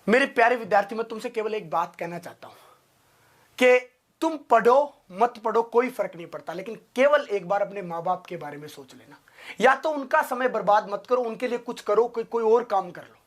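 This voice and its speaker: A young man, a teacher from India, giving his students an impassioned motivational talk, his voice climbing to loud, emotional pleading. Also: sits high, a little fast.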